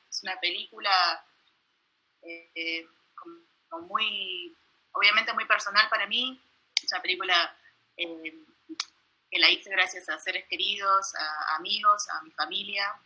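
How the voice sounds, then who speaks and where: A young woman with a Buenos Aires accent, a documentary filmmaker giving an informal, self-deprecating talk over a video call, halting with many restarts. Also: mid-range voice, fairly even intonation, bright, forceful tone, husky, poor audio. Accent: Buenos Aires Spanish. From Buenos Aires, Argentina. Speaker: documentary filmmaker presenting her work.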